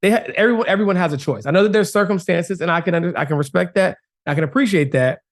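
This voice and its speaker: A man's voice: high voice, quick pace. A man co-hosting a podcast, talking emphatically and often asking "right?" as he makes his point. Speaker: podcast co-host. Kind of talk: casual podcast chat.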